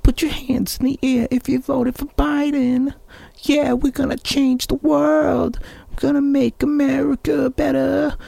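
A shrill male hype-man rapper, as a man puts him on in a tight, dry space, chanting short slogans in a sing-song rise. The voice is pushed far up in pitch and pulled a little back from the mic. It keeps the cadence of a crowd warm-up chant. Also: level tone, unhurried, gravelly, no room sound, heavily acted. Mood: hyped.

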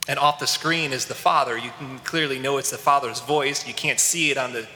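Earnest priest, bright voice in a church. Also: male voice, mid-range voice, fairly even intonation, brisk, echoey room, in a large hall. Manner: storytelling, earnest and emotional. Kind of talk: sermon.

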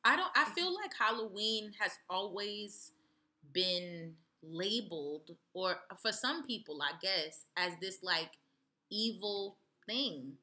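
A woman's voice: mid-range voice, animated, slow pace, sharp tone. A woman hosting a casual podcast, chatty and giggly with lots of fillers. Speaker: podcast host. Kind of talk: casual chat.

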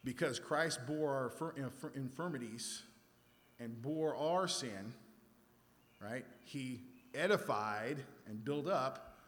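A man's voice: mid-range voice, slow, long reverb tail. A man preaching a scripture sermon in a conversational way, often checking in with his listeners. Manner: conversational, checks in with "right?" and "okay?".

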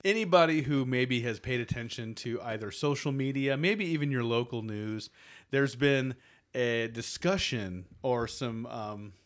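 A man's voice: mid-range voice, unhurried. Casual American man co-hosting a podcast. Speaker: podcast co-host. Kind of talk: casual chat.

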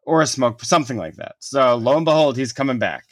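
Man, casual podcast co-host, mid pitch, swears a lot, animated storyteller, dry close recording. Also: brisk, dry recording. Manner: profane, animated storytelling with filler "like".

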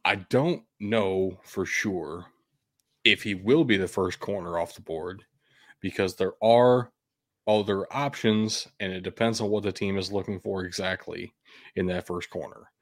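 A man's voice: deep voice, a little slow, dry recording, studio quality. A man hosting a sports show, giving casual, opinionated and blunt commentary with the occasional swear word.

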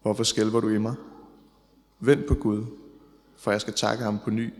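A man reading psalms and gospel aloud in a church service, in a measured, solemn way. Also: fairly low pitch, flat delivery, darkish tone. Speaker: scripture reader in church service. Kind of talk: liturgical scripture reading. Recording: long church reverb.

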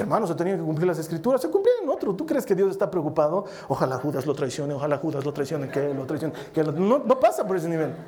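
A man's voice: high-pitched, darkish tone. Bolivian man preaching a testimony sermon. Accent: Bolivian Spanish. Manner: storytelling, acts out quoted voices.

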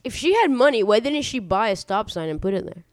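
A woman's voice: medium pitch, lively intonation, brisk. A woman co-hosting a casual chat, blunt and profane, laughing often. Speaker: podcast co-host.

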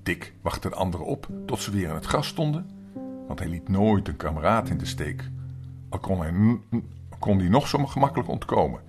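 An older grandfather reads a children's story aloud, expressive and animated. His voice sits low, and soft music plays beneath him. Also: moderate pace. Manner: lively, expressive reading.

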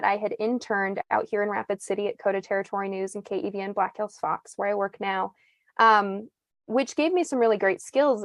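A woman's voice: mid-range voice, dry recording. A woman in her twenties, a journalist guest on a podcast, telling her story in a chatty, reflective way with many fillers and restarts. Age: 20s. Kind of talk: casual podcast interview.

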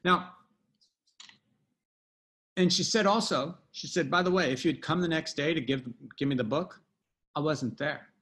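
A man's voice: fairly high pitch, unhurried, pauses often, fairly bright tone. A middle-aged man telling a personal anecdote in a casual interview, rambling with fillers and restarts. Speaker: guest storyteller.

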